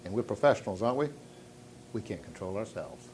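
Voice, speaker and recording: A man giving a motivational sales seminar to a live audience, telling stories and asking rhetorical questions, swinging from hushed tones to loud emphasis. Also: fairly low pitch, big pitch swings, fairly quick, a little hiss or hum. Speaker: sales trainer.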